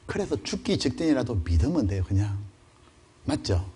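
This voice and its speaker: A middle-aged male pastor giving a lively, conversational sermon and often putting questions to his congregation. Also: mid-range voice, moderate pace, a little hiss or hum.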